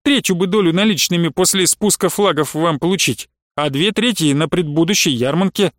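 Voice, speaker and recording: A man's voice: a little high, brisk, no room sound, studio quality, close to an everyday voice. A man reading as a wily old merchant. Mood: wheedling. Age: older. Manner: bargaining, pleading, bursts of shouting. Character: wily older merchant, blustering and wheedling.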